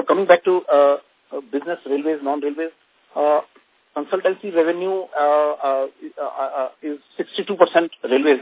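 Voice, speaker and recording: A man with an Indian English accent, a company executive answering analysts on a conference call, speaking haltingly with many pauses. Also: on the high side, husky, dry recording. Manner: halting, many fillers and restarts. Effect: conference call phone line. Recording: dry, tinny phone-line audio.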